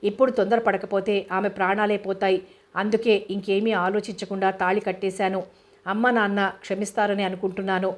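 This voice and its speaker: A woman's voice: mid-range voice, little pitch movement, fairly quick, natural voice. A woman voicing a remorseful young man who apologizes and pleads with his elder sister, read in an audiobook. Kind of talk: audiobook character reading.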